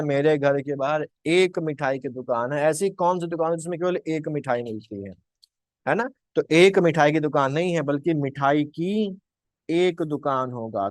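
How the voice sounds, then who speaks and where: A young male tutor explains exam answers in a fairly high voice. He quizzes his listeners and answers his own questions. The recording is dry and close, with no room sound. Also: dry recording. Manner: asks questions and answers them himself, repeats points. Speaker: exam-prep Hindi teacher.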